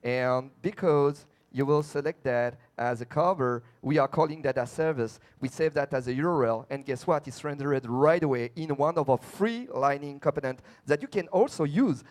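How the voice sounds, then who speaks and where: A man's voice: mid-range voice, normal speed, few pauses, darkish tone. A man from France with a French accent presenting a live product demo, speaking with frequent hesitations. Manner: hesitant with many uh fillers. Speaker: app presenter.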